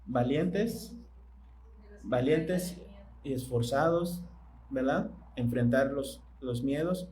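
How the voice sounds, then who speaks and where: A man preaching a sermon in church, speaking conversationally and asking his congregation questions that he pauses to let them answer. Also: medium pitch, a little mellow, slight background noise, rough recording.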